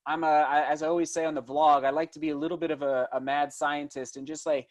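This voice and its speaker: A man in his thirties with a voice pitched a little high. He speaks as a guest in a casual interview. His delivery is enthusiastic and rambling, with thoughts often broken off and picked up again. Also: flat delivery, fast talker. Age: 30s. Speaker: interview guest, distance runner and vlogger.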